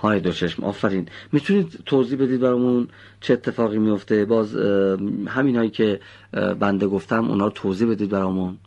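Male teacher with a husky, low voice, patient and encouraging with pupils. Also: darkish tone, dull audio. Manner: patient, quizzes pupils and praises answers. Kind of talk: classroom teaching with questions to pupils.

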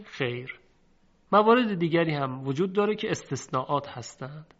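A man teaching a recitation lesson patiently, slowing down and drawing out each example word. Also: on the high side, fairly bright tone. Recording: dull lo-fi recording.

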